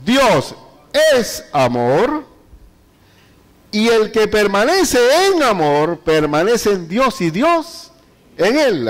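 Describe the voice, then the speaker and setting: A man with a high voice preaching to his congregation. He reads scripture slowly and deliberately, then presses his listeners with emphatic rhetorical questions. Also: long reverb tail. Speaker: pastor. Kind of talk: sermon.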